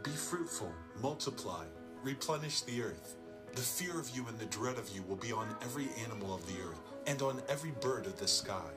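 A man's voice: fairly low pitch, close to an everyday voice. An actor playing God in a Bible audio drama, a man speaking in a solemn, commanding, declamatory way. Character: God, solemn commanding man's voice giving laws and blessing. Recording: loud music under the voice. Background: music.

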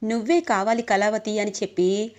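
A woman's voice: mid-range voice, steady tone, normal speed, a little mellow, natural voice. A woman voicing a young husband who tenderly woos his wife.

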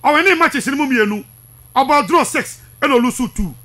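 Very high, animated, pushed and bright, this male voice runs at normal speed. He's a sports radio presenter in his thirties with a Ghanaian accent, hammering home heated, repetitive commentary while mixing languages. He's close to a studio microphone in a small radio studio.

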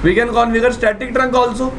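A man's voice: very high-pitched, flat delivery, quick pace, fairly bright tone, a little hiss or hum. A man with a North Indian accent giving a classroom technical lecture, repeating questions and often checking that learners follow. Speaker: networking instructor. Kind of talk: classroom lecture with on-screen demonstration.

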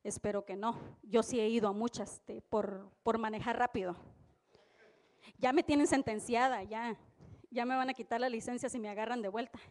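A woman with a high voice preaches at a church service. She tells personal stories in an animated way and often breaks into exclamations of praise. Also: moderate pace. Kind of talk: live church preaching with anecdotes.

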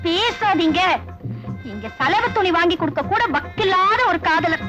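A pouty, sharp-tongued young woman. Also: extremely high pitch, expressive, measured pace, muffled recording. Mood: scolding. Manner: scolding, pouty. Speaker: daughter and girlfriend. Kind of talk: 1980s film dialogue. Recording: film soundtrack with clear music.

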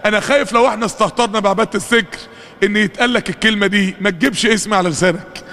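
Fervent high-pitched Egyptian preacher. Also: male voice, long reverb tail. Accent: Egyptian Arabic. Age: 40s. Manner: fervent, chants Quran verses in rising drawn-out shouts. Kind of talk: sermon.

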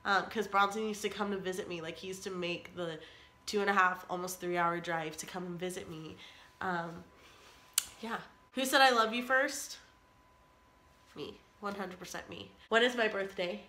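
A woman's voice: medium pitch, fairly even intonation, moderate pace, pushed and bright. A young woman in her twenties chatting casually to camera for her vlog, her voice stuffy from a cold. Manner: chatty and upbeat, with many "like"s. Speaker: vlogger.

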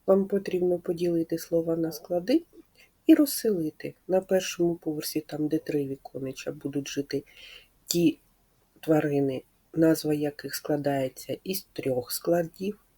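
A woman speech therapist giving a slow, clear lesson to preschool children, patiently asking questions and confirming their answers. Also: sits low, dark tone.

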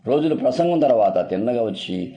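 Earnest preacher man, dark mellow voice. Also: mid-range voice, expressive, brisk. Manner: repetitive, earnest, addressing listeners as beloved. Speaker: pastor. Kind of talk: sermon.

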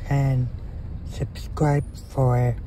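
A man's voice: mid-range voice, flat delivery, very slow, mellow, slight background noise, poor audio. A man vlogging on a handheld phone outdoors and in a car, talking casually with many fillers and restarts. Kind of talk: casual vlog talk. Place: outdoors on a suburban sidewalk, then in a car. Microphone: phone held in hand.

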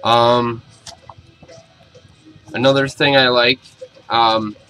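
A young man talks through a casual review in a small bedroom, picked up by a camera mic at arm's length. His voice is bright and forward, and his manner is blunt and informal. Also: mid-range voice, little pitch movement, very slow, soft background music. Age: young adult. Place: small cluttered bedroom, indoors.

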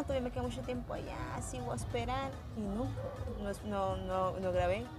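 A young woman with a Mexican accent, chatting casually and exclaiming as she vlogs outdoors in rural cornfields. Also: mid-range voice. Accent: Mexican Spanish. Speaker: vlogger. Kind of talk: casual vlog narration.

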